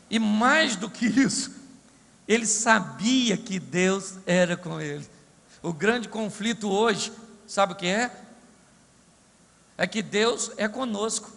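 A man preaches a comic, animated sermon and keeps asking rhetorical questions. His voice sits high, with a bright, gravelly edge. Long reverb rings through the hall behind him. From Brazil. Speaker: pastor.

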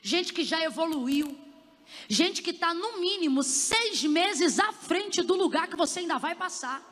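A woman preaching a passionate sermon at a conference, rising into fervent shouts as she exhorts the crowd. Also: extremely high pitch, lively intonation, unhurried. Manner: impassioned, building to shouts. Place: conference hall. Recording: long hall reverb.

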